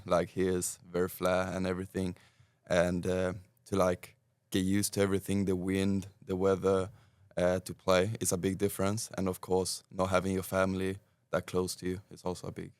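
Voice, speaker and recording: A twenty-year-old Swedish man speaking English with a Swedish accent, answering interview questions in a relaxed, hesitant way. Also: sits low, normal speed, smooth, dry recording, clean studio sound. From Sweden. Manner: relaxed, hesitant phrasing with many fillers. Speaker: guest soccer player.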